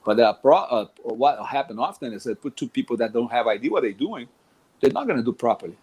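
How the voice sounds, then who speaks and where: A middle-aged Brazilian jiu-jitsu instructor chats casually about teaching in a Brazilian Portuguese accent, his husky, darkish voice sitting at medium pitch. He talks briskly with lively intonation, rambling, restarting often and saying "man" a lot.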